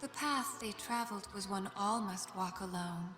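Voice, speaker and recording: A woman voicing a serene, solemn spirit lamb of death, speaking in calm, measured, poetic lines for a video game. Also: medium pitch, natural voice. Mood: gentle, storytelling. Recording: echoing game voice over loud music.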